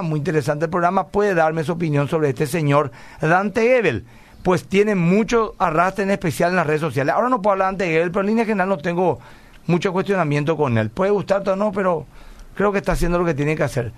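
Middle-aged man, radio pastor answering listeners, slightly raised voice, earnest storyteller. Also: high voice. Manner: earnest storytelling, often asks "¿verdad?". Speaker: pastor and radio program host. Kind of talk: radio call-in talk, answering listener messages.

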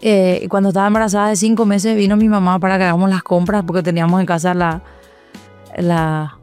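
A woman sharing a personal testimony in conversation, reflective, often pausing and adding tag questions. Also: medium pitch, level tone, a little mellow, clear, resonant tone, soft background music. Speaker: guest.

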